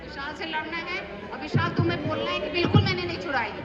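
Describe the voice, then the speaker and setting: A woman's voice: very high voice, fast, loud music behind the voice, a loud crowd. A woman teacher coaching children in a role-play workshop, coaxing and encouraging, often repeating herself. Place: indoor school hall with children. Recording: roomy hall from far off, dull.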